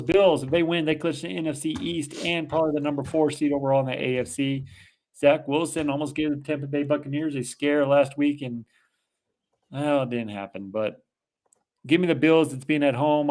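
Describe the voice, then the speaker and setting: His medium-pitched voice is a little mellow as this Boston-accented co-host of a casual football picks show confidently runs through his predictions in easygoing betting chat.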